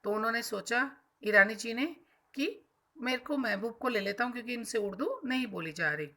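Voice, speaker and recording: A woman's voice: on the high side, moderate pace, pushed and bright. A woman school teacher explaining a textbook chapter to children, defining hard words simply and repeating herself as she goes.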